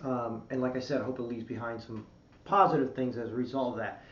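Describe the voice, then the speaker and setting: A man's voice: mid-range voice, fairly even intonation, quick pace. A man, a comedian and podcast guest, speaking reflectively and repeating himself as he works through his thoughts. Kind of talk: casual podcast interview. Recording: roomy, distant lo-fi mic with faint hiss.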